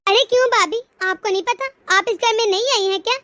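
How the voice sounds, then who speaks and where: A woman's voice: extremely high pitch, fast talker, fairly bright tone, dry recording. A woman voicing a grumbling, accusing sister-in-law in a cartoon story. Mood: resentful.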